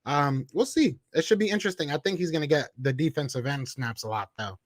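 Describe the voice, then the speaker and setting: A man with a Philadelphia accent hosting a live sports podcast, reading out chat comments and trash-talking in a casual, animated way. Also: fairly high pitch, a little fast, dry recording. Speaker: podcast host.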